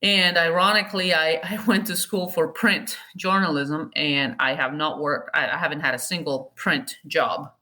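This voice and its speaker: A woman's voice: sits low, steady tone, moderate pace, few pauses, pushed and bright. A woman in her forties from Colombia, speaking, chatting candidly as an interview guest and often correcting herself mid-sentence. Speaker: guest, golf TV producer. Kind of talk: casual interview chat.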